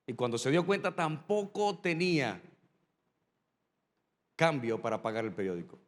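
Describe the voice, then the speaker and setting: A man preaching a sermon as a pastor, telling a story and then driving the lesson home with repetition and dramatic pauses. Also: mid-range voice, animated, long reverb tail.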